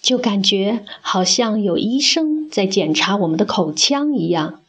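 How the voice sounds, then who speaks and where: This woman's voice sits at a medium pitch, expressive and a little rough. She leads a scripted phonics lesson on English pronunciation, demonstrating sounds slowly and carefully so the listener can repeat them.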